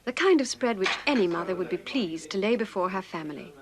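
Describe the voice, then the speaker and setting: A woman's voice: medium pitch, lively intonation, a little fast, noisy background. A woman reporter reading a scripted narration.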